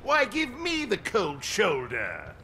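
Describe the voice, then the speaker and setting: An actor playing a gleeful, mocking villain clown with sadistic wit and a theatrical, teasing delivery in a video game. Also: male voice, high voice, wildly swooping pitch, slow pace, sharp tone, slight background noise, full character voice. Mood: gleeful mockery. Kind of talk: video game character dialogue.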